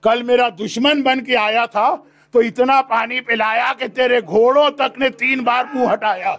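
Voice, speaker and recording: A man with a very high, ringing voice delivers an impassioned sermon. He tells the story dramatically and builds to loud, shouted peaks. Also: highs cut off. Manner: impassioned, rising to shouted climaxes. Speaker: preacher.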